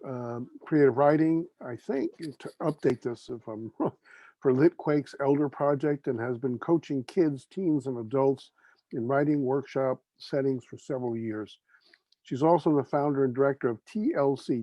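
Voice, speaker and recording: Mellow-voiced man hosting a reading. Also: medium pitch, dry recording, highs cut off. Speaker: host introducing readers. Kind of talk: informal event introduction.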